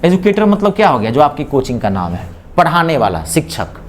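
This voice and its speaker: A man lectures on English grammar in a classroom, drilling students with repeated questions and mixing spoken English phrases into his Hindi explanations. His voice is on the high side, sing-song and brisk.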